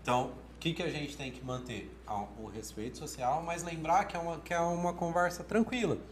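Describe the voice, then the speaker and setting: A man's voice: fairly high pitch, fairly quick, a little hiss or hum. A man with a Brazilian Portuguese accent, an oratory teacher talking casually and acting out quoted thoughts, with many restarts. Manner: animated, acts out quoted thoughts, restarts often. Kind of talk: casual coaching talk.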